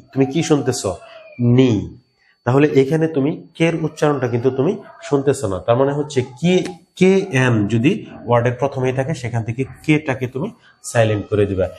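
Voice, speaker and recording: A man with a Bangladeshi Bengali accent teaching an English lesson, repeating key words and slowing down to pronounce examples. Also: mid-range voice, a little mellow. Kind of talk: explaining a grammar lesson.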